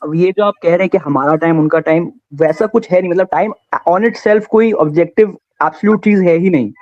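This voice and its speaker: Heard on dry, muffled lo-fi call audio, an Indian man with a high-sitting voice asks his debate question fairly quickly. He argues with earnest conviction, stopping now and then as he searches for words.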